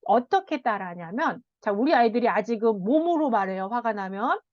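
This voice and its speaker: Animated high-voiced woman counselor. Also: fairly quick, no room sound. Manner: animated, laughs often, acts out quotes. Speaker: child counselor. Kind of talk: parenting lecture. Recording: dull, dry sound.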